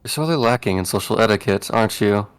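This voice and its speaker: A man's voice: lowish voice, expressive, fast talker, clean tone, close to an everyday voice. A man voicing a cautious, haughty tactician with formal, precise wording in a game read-aloud. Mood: cool.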